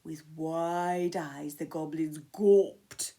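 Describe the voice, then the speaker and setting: A woman's voice: low-pitched, steady tone, drawn-out words, warm tone. A woman reading a children's story aloud in a dramatic way, dropping to whispers at tense moments.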